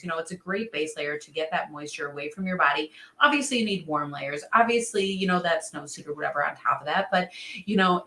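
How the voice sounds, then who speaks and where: Upbeat female co-host, bright tone, chatty livestream delivery, roomy echo. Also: lowish voice. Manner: chatty, upbeat, laughs often, many "um"s. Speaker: co-host of a fishing show. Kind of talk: casual gear chat on a livestream.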